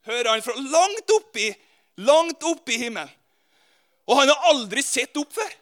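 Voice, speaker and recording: A Norwegian man preaching a sermon, telling a story and speaking directly to his listeners in a lively way. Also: very high-pitched, shouting. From Norway.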